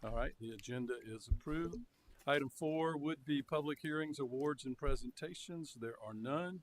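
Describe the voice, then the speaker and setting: A man's voice: a little high, moderate pace, slight background noise. A man chairing a town council meeting, speaking in formal procedural phrases.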